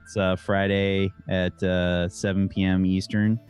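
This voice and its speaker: A man with a fairly low voice casually promoting his channel and an upcoming show. He sounds easygoing and upbeat, filling gaps with "uh". Faint music plays behind him. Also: little pitch movement, unhurried, darkish tone, clean tone. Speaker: streamer plugging his channel.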